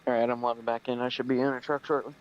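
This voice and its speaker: A man's voice: mid-range voice, level tone, rapid-fire. A man playing along in a multiplayer game, speaking briefly and politely over voice chat. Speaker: co-player. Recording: muffled lo-fi voice chat.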